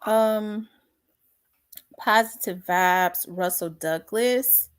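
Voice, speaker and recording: Unhurried and full of ums, this livestream host works through her viewers' names, greeting each one in a casual way. She has a smooth, mid-range voice.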